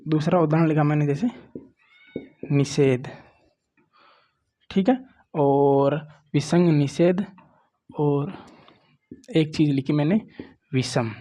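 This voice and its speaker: A man's voice: on the high side, slow pace, long pauses, dark tone. A man teaching grammar at a board, often saying "look" and "okay" to his students. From Rajasthan. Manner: repeats "देखो" and "ठीक है", coaxing and plain. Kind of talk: classroom lecture at a board.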